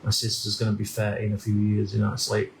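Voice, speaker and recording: A man in his thirties from the United Kingdom, talking through a reflective personal monologue in a halting way, often repeating words and restarting sentences. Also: fairly low pitch, monotone, gravelly, roomy sound, slight background noise, poor audio. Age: 30s. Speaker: vlogger.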